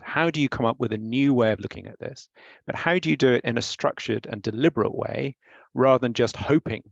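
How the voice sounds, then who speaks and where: A man with a gravelly, creaky voice speaks in a measured, explanatory way during a panel discussion. His voice sits at an ordinary male pitch. It is recorded dry and somewhat muffled, like an online call. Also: no echo. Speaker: company head explaining a training method. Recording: dry, dull lo-fi sound.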